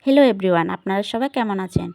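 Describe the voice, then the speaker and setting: A woman's voice: mid-range voice, racing, gravelly, dark tone, dry recording. A young adult woman, narrating a vlog voice-over in a chatty vlogger manner that addresses viewers directly. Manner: chatty vlogger, sharing family moments and asking viewers questions.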